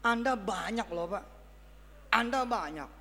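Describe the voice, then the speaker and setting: A man preaching a sermon to a congregation, swinging between loud bursts and quiet asides. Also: sits high, animated, measured pace. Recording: hall reverb.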